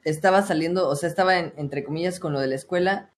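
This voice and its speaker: A man's voice: a little high, quick pace, slight background noise. A young Mexican man, a streamer and voice coach, talking earnestly in a casual podcast chat with many restarts. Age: young adult. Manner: earnest, advice-giving, frequent "o sea" restarts.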